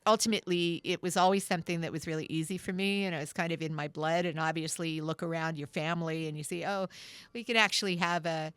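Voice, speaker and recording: Middle-aged woman, low voice, dry close sound, loose chatty storyteller. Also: steady tone, quick pace, a bit bright, clean tone, no echo. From Canada. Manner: rambling storyteller, lots of fillers and restarts. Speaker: guest musician and writer. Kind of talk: casual studio interview. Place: radio studio.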